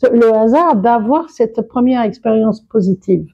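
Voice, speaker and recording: A woman public speaker and coach talks in an interview with a slow, unhurried pace and a slightly high voice. Her tone is husky and mellow, and she keeps laughing and restarting her sentences. The recording sounds dull and lo-fi. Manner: expressive, quick to laugh, many restarts. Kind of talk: interview conversation.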